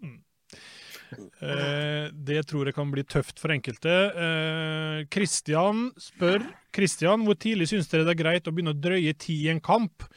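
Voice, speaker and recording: A man hosting a podcast who briskly reads out questions from listeners. His voice is somewhat high for a man. The recording is dry, with no room echo. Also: steady tone. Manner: brisk, relays questions plainly.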